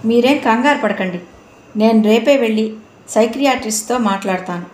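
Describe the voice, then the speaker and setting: Woman voicing a calm, soothing family friend. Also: on the high side, brisk, close to an everyday voice. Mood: reassuring. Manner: soothing, reassuring. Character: kind, calm middle-aged man, helpful friend. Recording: roomy room, faint noise.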